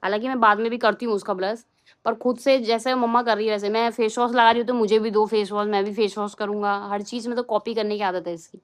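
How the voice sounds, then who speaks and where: A woman's voice: mid-range voice, fairly even intonation, fast talker. A young woman from Uttarakhand, India, chatting casually in a home vlog and now and then scolding her small son. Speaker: vlogger. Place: home, indoors.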